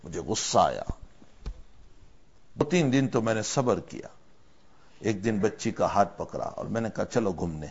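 A man preaching a sermon as a story, with emotive delivery that swells loud and then drops low. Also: very animated, long pauses, highs cut off, a little hiss or hum.

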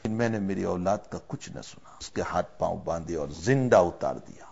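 Gravelly low-voiced male preacher. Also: animated, dull audio. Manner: emotive, swells loud then drops low. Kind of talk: sermon storytelling.

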